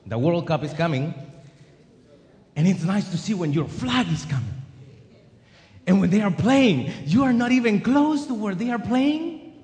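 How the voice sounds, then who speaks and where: A man's voice: high voice, animated, normal speed, long pauses, darkish tone. A man preaching a sermon with an emphatic, rising and falling cadence. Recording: long hall reverb.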